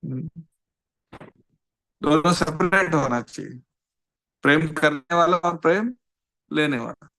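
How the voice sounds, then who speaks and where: A man giving a scripture class in an unhurried, conversational way, often checking in with his listeners. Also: fairly high pitch, a bit bright. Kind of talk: Hindi-English mixed scripture lecture.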